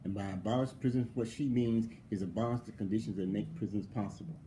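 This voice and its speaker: This philosophy professor, a man with a lowish, mellow voice, talks fast while answering an interviewer in a conversational way. He mocks with rhetorical questions, laughs frequently and repeats himself for emphasis; the audio is poor, with a little hiss or hum.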